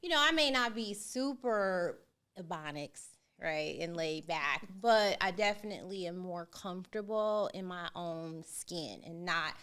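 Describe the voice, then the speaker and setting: A woman hosting a casual talk show, telling stories in an animated, emphatic way. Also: lowish voice, unhurried, smooth. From not from the West Coast. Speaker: podcast host. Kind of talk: casual chat.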